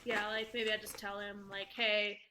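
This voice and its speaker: A woman playing a tabletop role-playing game, casual and quick, trailing off mid-thought. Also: medium pitch, level tone, background noise. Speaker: player.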